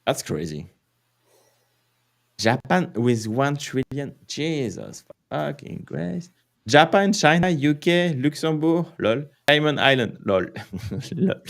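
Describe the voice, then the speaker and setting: A man's voice: on the high side, big pitch swings, slow pace, vocal fry. A man with a French accent hosting a casual crypto livestream, rambling with lots of fillers, swearing and laughing.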